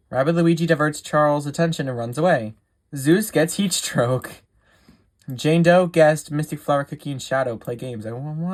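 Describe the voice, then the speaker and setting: A video creator casually reading out a game simulator's events, adding chatty, giggly asides and stumbling over words. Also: medium pitch.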